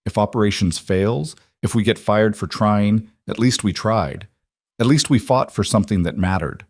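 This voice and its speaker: A man plays a guilt-worn single father who talks steadily and candidly in a storybook narration. The voice sits low and sounds close and dry. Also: normal speed, darkish tone, breathy edge, no room sound. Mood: firm.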